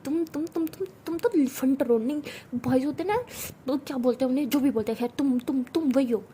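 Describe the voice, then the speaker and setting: A woman's voice: high voice, quick pace, mellow, slight background noise, lightly acted. A woman doing a feisty, mocking college girl. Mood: taunting. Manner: mocking, taunting retorts. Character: feisty, sharp-tongued young college woman.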